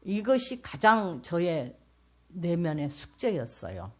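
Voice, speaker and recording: Older woman, low husky testimony voice. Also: very animated, slow. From South Korea. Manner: earnest, addresses the audience directly; loose and emphatic, with swings between loud and soft. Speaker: pastor's wife giving testimony. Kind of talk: church testimony.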